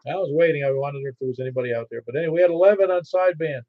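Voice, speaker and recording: A man acting as net controller on amateur radio, calling for check-ins haltingly and repeating call signs in phonetics. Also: fairly high pitch. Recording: dull, band-limited ham radio audio.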